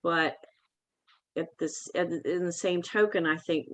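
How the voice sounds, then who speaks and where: A podcast co-host in casual discussion who speaks haltingly, restarting and repeating words. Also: medium pitch, steady tone, dry recording, rough recording.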